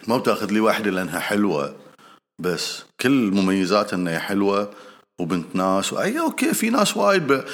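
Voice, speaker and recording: A man with a Gulf Arabic accent talks in a casual advice monologue, his voice sitting fairly low. He speaks straight to the listener, repeats his points for emphasis and stops often on hesitant fillers. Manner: earnest and repetitive, addresses listener directly. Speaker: speaker giving marriage advice.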